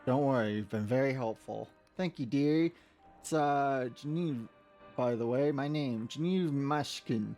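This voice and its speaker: A man's voice: mid-range voice, moderate pace, dark tone, soft background music, lightly acted. Man putting on a prim motherly librarian lady. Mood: coy, pointed. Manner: sweet, calls listener dearie. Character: fussy motherly female librarian, nervous.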